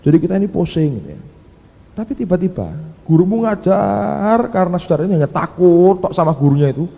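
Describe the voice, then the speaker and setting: A male preacher, his slightly high voice swinging widely in pitch and breaking into sudden exclaimed cries. His tone is dark and mellow, and it rings out with the long reverb of a large hall. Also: gravelly, lo-fi sound. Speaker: pastor. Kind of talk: sermon.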